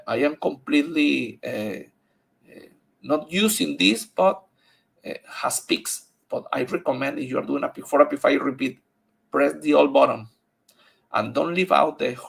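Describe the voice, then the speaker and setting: Very gravelly Spanish-accented man giving racing picks. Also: medium pitch. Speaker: horse racing handicapper. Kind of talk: unscripted race-by-race picks commentary.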